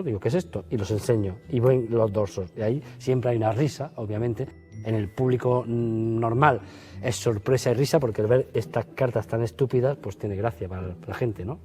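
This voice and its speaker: A man walks through a card routine in relaxed, chatty speech. His voice is mellow and warm, and he jumps into higher voices when acting out his patter. Faint music plays behind him. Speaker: magician teaching a card routine. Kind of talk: casual spoken magic lesson.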